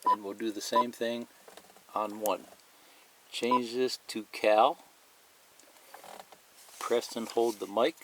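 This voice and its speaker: Poor audio with a little hiss or hum carries a man's fairly low-pitched voice. He is a hobbyist instructor giving a plain, step-by-step hands-on tutorial, part of it read aloud from a manual, pointing things out and repeating himself along the way.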